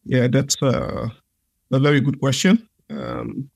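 An adult Dutch man, a guest on a podcast, shares his own experiences in an earnest, reflective way, saying "like" a lot. His voice is medium in pitch, gravelly and sing-song, and he takes his time. It's conversational interview storytelling.

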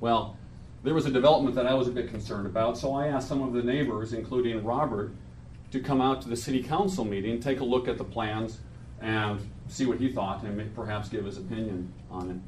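Male speaker for a memorial reading, measured delivery, distant mic in a reverberant room. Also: medium pitch, steady tone, a little mellow. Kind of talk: informal reminiscence and poetry reading to an audience. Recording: echoey room, distant mic, faint noise.

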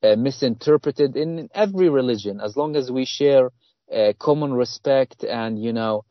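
Guy from palestine, earnest and halting, lots of uhs, dull call audio, dry sound. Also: mid-range voice, no room sound. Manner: earnest, hesitant with many fillers and restarts. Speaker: author guest. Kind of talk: interview conversation.

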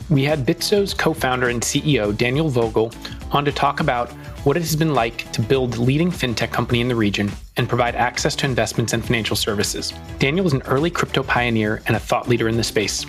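A man's voice: medium pitch, fairly bright tone. A man hosting a podcast, reading a scripted guest introduction and then asking questions. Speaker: podcast host.

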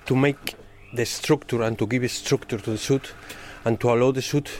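A man's voice: medium pitch, fairly even intonation, moderate pace, a little mellow, slight background noise. A middle-aged or older man with a Spanish accent, explaining his craft in careful non-native English. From Spain. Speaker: bespoke tailoring undercutter. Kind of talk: explanatory interview answers.

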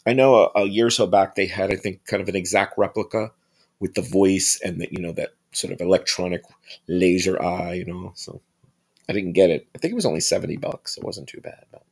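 Brief: low, husky male podcast host, relaxed casual chat. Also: fairly quick. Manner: chatty and self-mocking.

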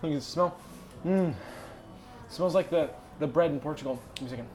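A man's voice: fairly high pitch, a little fast, a little mellow. A man joining a casual podcast chat and teasing the hosts in a playful way.

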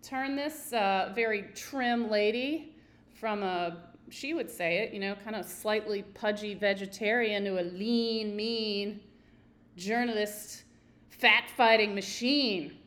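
A woman's voice: medium pitch, takes it slowly, fairly bright tone. A woman hosting a solo health podcast, talking in an emphatic, indignant way with big swings in emphasis. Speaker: podcast host.

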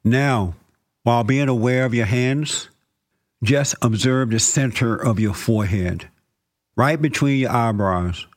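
Slow, calm man guiding a meditation. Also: mid-range voice. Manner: slow, calm instructions with repeated phrases and scripture. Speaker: meditation guide.

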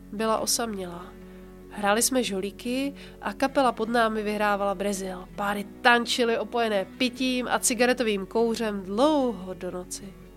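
Calm woman reading aloud over soft guitar. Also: mid-range voice. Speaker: podcast host and author. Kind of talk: reading a book passage aloud with commentary.

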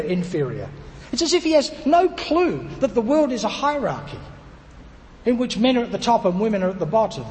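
A man's voice: extremely high pitch, darkish tone, long reverb tail. A man preaching a sermon in a conversational way, repeating phrases and restarting as he thinks aloud. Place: church.

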